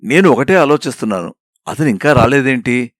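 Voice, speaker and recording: Expressive male storybook reader. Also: mid-range voice, a little fast, dry recording, studio quality. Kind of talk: scripted storybook narration.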